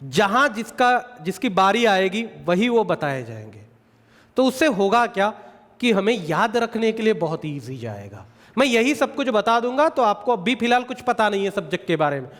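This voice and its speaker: A man giving an exam coaching lecture, repeating key points, asking the class rhetorical questions and slowing down to dictate definitions. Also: high voice, very animated, a bit bright, big-room sound. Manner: slows to dictate English definitions.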